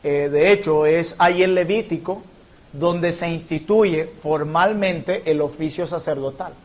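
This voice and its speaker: A man's voice: on the high side, a little slow. A man from Colombia, a pastor, teaching a church Bible class in an earnest, explanatory way and illustrating points with personal stories.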